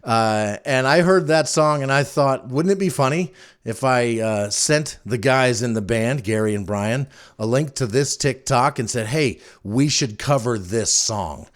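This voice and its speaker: Here a male podcast host rambles casually through stories for his audience, sounding informal, wry and amused. His voice is mid-range and his pace unhurried.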